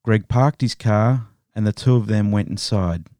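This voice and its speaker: A man hosting a podcast, narrating a true crime story in a steady, measured way. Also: lowish voice, no echo, studio quality. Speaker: podcast host.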